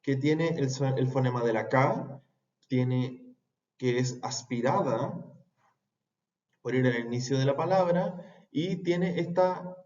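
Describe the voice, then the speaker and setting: A man teaching a pronunciation lesson, repeating words slowly and carefully. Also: medium pitch, a little mellow. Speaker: English teacher. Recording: echoey room, dull lo-fi sound.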